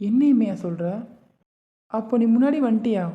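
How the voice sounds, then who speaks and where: A woman's voice: fairly high pitch, animated, brisk, lightly acted. A woman voicing a friendly, teasing young man in a cartoon series. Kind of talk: cartoon web series voice acting. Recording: tinny phone-like recording.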